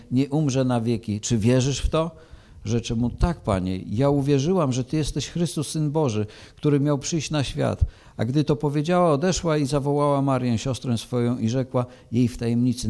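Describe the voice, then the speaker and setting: A man's voice: medium pitch, warm tone. A man preaching, reading a Bible passage aloud and then explaining it, with frequent hesitations.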